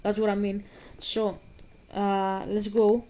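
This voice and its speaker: A woman in her twenties with a Greek accent hosts a casual commentary, rambling and often restarting or repeating herself. Her mid-range voice is mellow, slow and level in tone.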